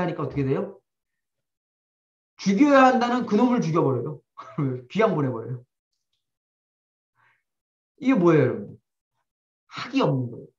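A man giving a lecture to a live audience, blunt and animated, firing rhetorical questions at the room and slipping into slang. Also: high voice. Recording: roomy, distant, dull-sounding.

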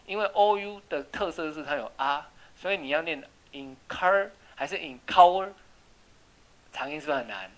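Patient tutor spelling out English words. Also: female voice, low-pitched, lively intonation, normal speed, rough recording. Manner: explains words patiently, spells out letters, drills repetition. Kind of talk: home English reading and spelling lesson.

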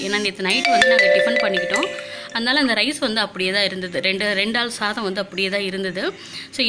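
A woman in her thirties talks her viewers through her day in a quick, chatty voice-over. Her tone is bright and forward, and she keeps going with plenty of fillers. Faint music plays beneath her. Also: medium pitch. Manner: chatty, with frequent filler words. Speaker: vlogger. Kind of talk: casual vlog narration.

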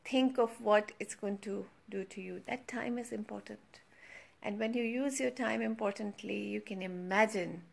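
A woman giving an earnest motivational talk to her followers, stressing and slowing down on key points and slipping into Hindi phrases. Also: mid-range voice, gravelly. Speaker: motivational speaker.

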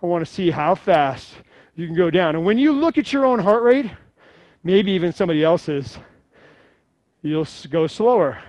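A man's voice: fairly high pitch, darkish tone, no echo. A middle-aged man coaching a live workout, giving encouraging cues and instructions to a class. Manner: encouraging, calling out cues and counts. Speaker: fitness coach. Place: indoor gym studio.

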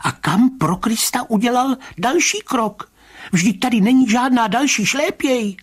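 A man reading a story aloud, voicing an anxious, excitable man in a high, trembling voice that turns insistent. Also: husky, full character voice. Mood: agitated. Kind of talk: audiobook reading of a short story.

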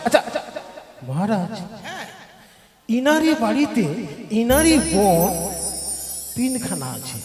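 Excitable comic matchmaker, very high lively voice, echoey hall with music, played by a male actor. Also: measured pace, long pauses, full character voice. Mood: eager. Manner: excitable, repeats words. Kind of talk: live folk theatre acting.

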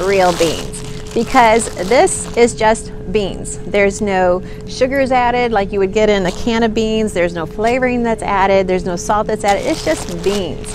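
A middle-aged woman speaks to the camera from a store aisle, giving practical food advice in an earnest, encouraging way. Her voice sits at an ordinary middle pitch. Clear background music plays under her throughout. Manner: earnest, encouraging, gestures while talking. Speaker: nutrition video host. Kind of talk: casual to-camera nutrition tip. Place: grocery store aisle, indoors.

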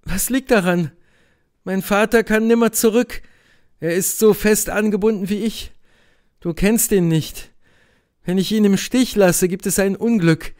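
A man's voice: sits high, unhurried, darkish tone, clear, resonant tone, voice pushed up. A man reading an audiobook, voicing a troubled young woman who is bound by duty, pleading and tense. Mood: bitter.

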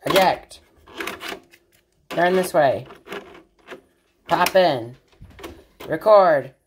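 A woman with a deep voice and drawn-out words rambles casually through a hands-on product test for her vlog, exasperated and swearing a little. She's indoors in a home kitchen area, with a slight hiss or hum on the recording.

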